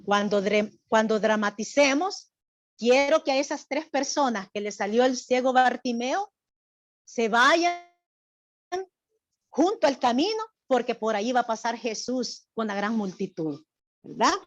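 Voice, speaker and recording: This church teacher's voice sits on the high side, and she keeps a measured pace with no room sound behind her. Leading a Bible lesson and a drama, she puts questions to the group and often tacks on "right?".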